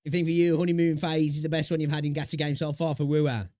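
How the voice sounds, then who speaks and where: Higher-voiced man giving casual reaction commentary. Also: flat delivery, quick pace, warm tone, no room sound, studio quality. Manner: rambling, repeats phrases, seeks agreement with tag questions. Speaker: reactor commentating on another player's game video.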